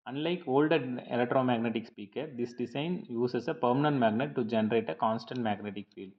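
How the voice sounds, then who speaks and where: A man with a mid-pitched voice narrates a scripted lecture over slides, sounding like a teacher as he explains point by point. His delivery is measured and slightly halting, and the recording is dull and lo-fi.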